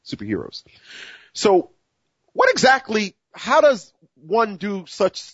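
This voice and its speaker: An American man in his forties hosts a solo talk show, delivering a monologue to listeners in a mid-range voice. He speaks earnestly with many restarts and fillers, and the lo-fi audio has no room sound.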